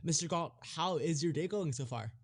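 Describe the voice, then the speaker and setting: A young man hosting a podcast interview, asking questions in a friendly, slightly halting way. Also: a little high. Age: young adult. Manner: friendly, a bit halting, with fillers.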